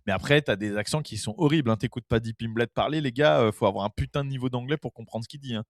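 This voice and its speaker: A man's voice: medium pitch, quick pace, no room sound, studio quality. A Frenchman speaking casually and emphatically, often repeating himself and swearing now and then. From France. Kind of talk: casual chat.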